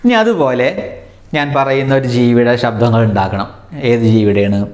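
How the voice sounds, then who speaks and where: A man's voice: mid-range voice, normal speed, a little mellow. A man teaching a children's language lesson, telling a story and imitating animal sounds for the class to repeat. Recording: echoey room.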